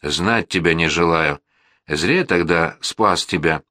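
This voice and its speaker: Male reader playing an impulsive, furious boy, shouting, higher than his low voice. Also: measured pace, dry recording, clean studio sound. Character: hot-headed boy, eager and furious.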